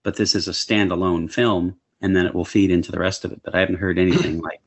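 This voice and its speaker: A man's voice: low voice, fairly even intonation, fast talker, breathy edge. A man co-hosting a casual podcast, upbeat and chuckling as he talks. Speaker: podcast co-host. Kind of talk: casual chat about comic book films.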